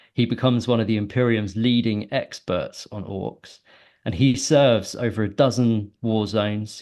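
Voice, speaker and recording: A man's voice: fairly low pitch, a little mellow. A man co-hosting a podcast, casually retelling a long story with many ums and restarts. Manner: rambling, many ums and self-corrections. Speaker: podcast co-host.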